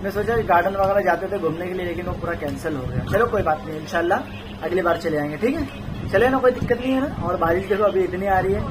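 A young family vlogger with a high-pitched voice speaks fast, casually and playfully teasing his baby son. The noisy phone recording was made in a small home during rain.

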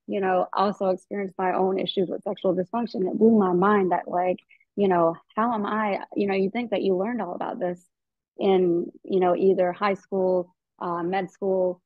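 A woman's voice: medium pitch, flat delivery, normal speed, dry recording. Earnest woman gynecologist on a video call. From American South. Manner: earnest, thinking aloud with many fillers and restarts. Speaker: gynecologist guest. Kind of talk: webinar interview. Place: indoor room at home. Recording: dull dry video call audio.

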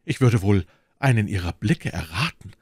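A man's voice: fairly low pitch, lively intonation, moderate pace, darkish tone, breathy edge, no room sound, clean studio sound. A man reading an audiobook, voicing a bold, passionate young swordsman with ardent declamation. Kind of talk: audiobook character voice.

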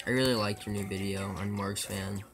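A man with a bright, forceful voice chatting with his viewers while he speedruns. He rambles, jokes and restarts his sentences, and faint game music plays underneath. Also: fairly low pitch, steady tone, fairly quick, creaky. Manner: rambling, joking, stammering restarts. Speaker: speedrunner streaming live. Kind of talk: casual live-stream chat with viewers.

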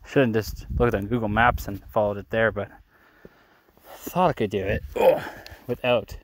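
A young Canadian travel vlogger holds his phone while walking a desert trail at night, rambling and poking fun at himself. His voice is lowish and unhurried, and he sounds tired and a bit out of breath from the hike.

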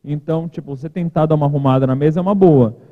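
A man's voice: fairly high pitch, rapid-fire. Chatty man speaking in a reverberant hall. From Brazil. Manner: chatty, informal, joking asides. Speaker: conference keynote speaker. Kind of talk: casual conference talk. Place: large conference hall, at a podium. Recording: reverberant hall, thin lo-fi sound.

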